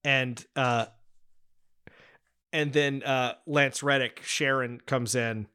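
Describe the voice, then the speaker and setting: Bright-voiced man recapping a film scene. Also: mid-range voice, fairly even intonation, slow, clear, resonant tone. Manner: recaps scenes eagerly, with many fillers and restarts. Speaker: podcast co-host discussing a film. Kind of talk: casual film review chat.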